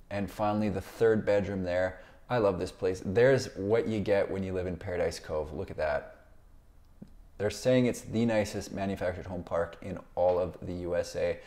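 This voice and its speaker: A man's voice: fairly low pitch, warm tone. A man in his thirties giving casual, upbeat commentary on a home tour, recorded in a home office. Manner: upbeat, enthusiastic, easygoing. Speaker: real estate video host.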